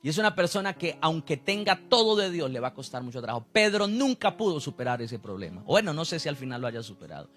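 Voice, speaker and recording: A man's voice: a little high, big pitch swings, fast, hardly any pauses, a bit bright, soft background music. A man, preaching a sermon as a pastor, who acts out the people he quotes.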